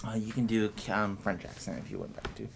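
A man's voice: lowish voice, gravelly, background noise. A young man filming a student project, giving hesitant, casual directions full of fillers. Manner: hesitant, filler-heavy, mumbled asides. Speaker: student filmmaker directing a shoot. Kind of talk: casual on-set chat.

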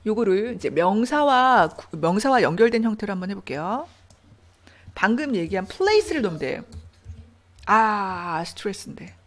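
A woman teaching an English reading lesson, her pitch rising and falling in a lively, animated way. She walks through grammar step by step and keeps asking her students questions. Her voice sits in an ordinary middle register. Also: normal speed.

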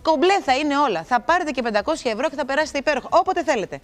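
Chatty middle-aged lady hosting a tv game, kinda high voice, bouncy and playful. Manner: lively, chatty and playful, talks straight to viewers. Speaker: TV show host. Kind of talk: chatty TV game show presenting.

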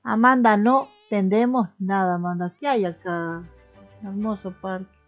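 A young woman with a Rioplatense Spanish accent, a gaming streamer, chats casually while playing a life simulation game and talking to its characters. Her mid-range voice is a little mellow at a measured pace, with a muffled recording and soft background music.

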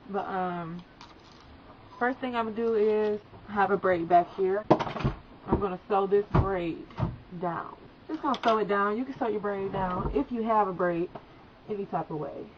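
Walking viewers through a hair tutorial, a young woman with a touch of a cold chats casually and keeps saying "guys," speaking at a measured pace in a medium-pitched voice. She's in a small room next to a folding screen, and the audio is dull and lo-fi, with music and background noise.

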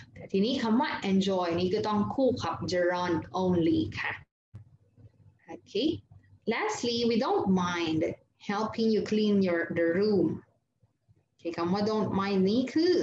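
A woman's voice: medium pitch, darkish tone. A woman teaching English grammar online in a Thai accent, mixing Thai and English and reading out word lists, asking and answering her own questions. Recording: roomy, dull lo-fi sound with faint noise.

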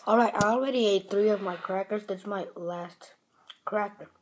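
A woman's voice: medium pitch, normal speed, background noise. A woman chatting casually in a home vlog, talking while she eats breakfast. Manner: chatty, talks while eating. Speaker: vlogger.

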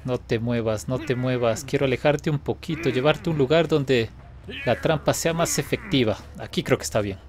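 A man giving playful, taunting live commentary while playing a game, now and then breaking into excited laughter. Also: medium pitch, moderate pace. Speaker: gaming video host.

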